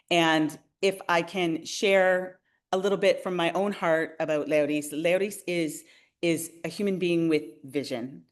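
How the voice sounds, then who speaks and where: Upbeat woman hosting a webinar. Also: sits low. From Canada. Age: 40s. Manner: friendly, enthusiastic, addresses viewers directly.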